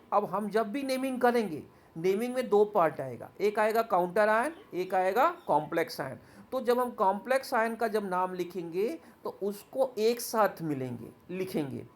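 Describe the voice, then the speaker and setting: A man teaching a chemistry lesson, reading English points from slides and then explaining them in Hindi, often asking the class quick questions. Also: high voice.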